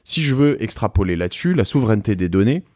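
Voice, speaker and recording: A man's voice: on the low side, big pitch swings, fast talker, darkish tone, no echo, studio quality. A man, an interview guest explaining things in an informal, emphatic way. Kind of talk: casual explanatory interview talk.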